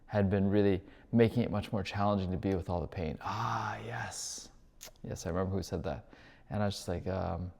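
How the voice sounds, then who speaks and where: A man's voice: on the low side, gravelly, a little mellow, big-room sound. A man rambling reflectively about his inner life, thinking aloud and correcting himself as he goes, like a spiritual coach talking to himself. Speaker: spiritual coach and retreat host.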